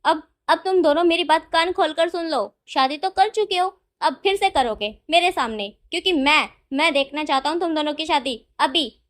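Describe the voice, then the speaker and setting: A woman's voice: sits high, moderate pace, fairly bright tone. A woman voicing a stern older uncle who lectures and scolds in mock anger. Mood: mock-angry. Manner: lecturing, exasperated.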